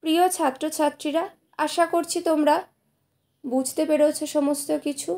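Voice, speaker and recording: A woman teacher speaks in a high voice with a soft, mellow tone. She explains each point patiently to her students, repeating and slowly sounding out example words. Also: fairly even intonation. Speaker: English teacher. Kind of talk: slow explanatory lesson to students.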